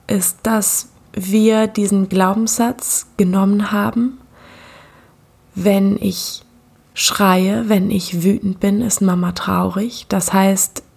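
A woman's voice: mid-range voice, vocal fry, darkish tone, breathy edge. A woman coach speaking in an earnest, reflective monologue, often repeating words for emphasis. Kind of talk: reflective monologue on self-worth.

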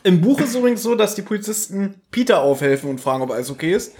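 A man's voice: high voice, quick pace, background noise. Chatty man reviewing a radio play. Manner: animated, laughs often, quotes lines in put-on voices. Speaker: podcast co-host reviewing an audio drama. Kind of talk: casual chat.

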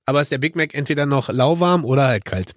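A man's voice: mid-range voice, animated, quick pace, dry recording, studio quality. A man in his twenties with a German accent, co-hosting a casual chat and rambling with laughs between words. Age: 20s. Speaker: podcast co-host.

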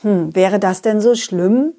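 A woman's voice: medium pitch, slow pace, mellow. A woman telling a children's story in a playful, coaxing way.

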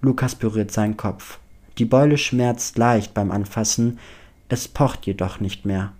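A man narrating a story in a steady storytelling read. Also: lowish voice, a little slow. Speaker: audiobook reader. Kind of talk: scripted narration.

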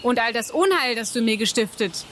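A woman's voice: on the high side, lively intonation, brisk, a bit bright. A woman playing a commanding, victorious king in declamatory classical stage verse. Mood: imperious. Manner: imperious, declamatory. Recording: faint ambient noise.

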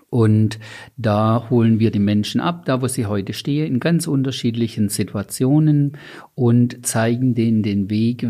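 Ruhiger Mann mit tiefer, dunkler Stimme. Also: male voice, fairly low pitch, dark tone, husky. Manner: measured, deliberate delivery with lists. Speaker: company founder and guest expert. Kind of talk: interview answers.

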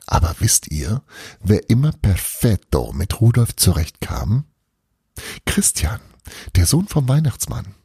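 A man's voice: on the low side, very animated, a little slow, mellow, breathy edge, no room sound, studio quality, heavily acted. A man voicing a theatrical Christmas witch mother with an Italian flair, dramatic and playful. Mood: dreamy.

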